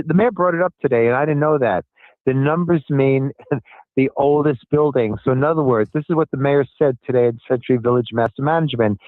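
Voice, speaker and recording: Heard over a tinny, dry cell phone line with no room sound, the older city commissioner answers an interviewer's questions in a mid-range voice. He speaks earnestly and with emphasis, going back over his points again and again.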